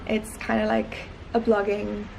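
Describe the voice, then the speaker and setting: A young woman chats casually to camera for a day-in-the-life vlog, full of fillers and upbeat, though her mid-range voice comes out completely flat and unhurried. She sounds croaky from just waking up. The room is echoey, with clear background noise.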